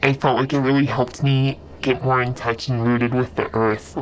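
A woman whose voice has been disguised and pushed down to a very deep register. She chats casually at a dinner table as a regular guest, her remarks laid-back and offbeat. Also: level tone, moderate pace, a little hiss or hum, poor audio. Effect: voice disguised, pitched very deep.

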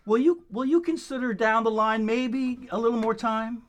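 A man hosting a radio fundraiser with casual banter, speaking in a halting, repetitive, pleading way. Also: extremely high pitch, fairly even intonation. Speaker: radio show host.

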